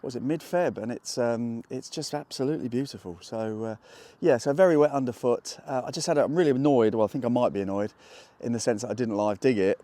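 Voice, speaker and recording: A man from England vlogging while metal detecting in a muddy field, chatty and excitable, talking straight to his viewers. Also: on the low side. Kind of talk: casual outdoor vlog narration.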